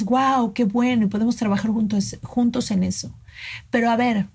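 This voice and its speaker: A woman's voice: on the high side, dark tone, slightly rough. A middle-aged woman, hosting a podcast and giving earnest relationship advice straight to her listeners. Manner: earnest, coaching, addresses listeners directly. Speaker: podcast host.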